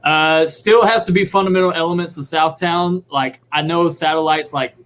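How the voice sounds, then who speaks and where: Young adult male drummer, guest, animated storyteller, slightly raised pitch. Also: moderate pace, slight background noise. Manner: excited, rambling, acts out quotes. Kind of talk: casual storytelling.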